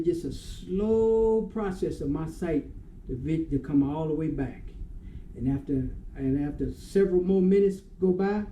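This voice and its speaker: A man's voice: sits high, dark tone. A man in his sixties telling his dream story in an emotional, repetitive, dramatic way, acting out each moment. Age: 60s. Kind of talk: emotional first-person storytelling. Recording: echoey room with faint hum.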